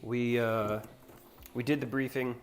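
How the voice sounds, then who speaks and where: A man's voice: medium pitch, level tone, unhurried, a little hiss or hum. A man from North Carolina hosting a livestream, chatting casually and rambling in a laid-back way as he builds. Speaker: livestream host. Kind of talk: casual chat while building.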